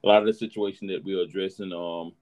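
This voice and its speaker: A man's voice: sits low, steady tone, quick pace, darkish tone, slight background noise, low-quality recording. A man hosting a casual podcast, talking in a laid-back way and often saying "you know what I'm saying". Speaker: podcast host.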